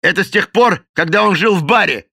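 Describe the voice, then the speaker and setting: A man playing a gruff, irritable ranch owner who barks out orders impatiently. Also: high voice, fairly quick, bright, forceful tone, voice pushed up, heavily acted. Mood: brusque. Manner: barking, impatient.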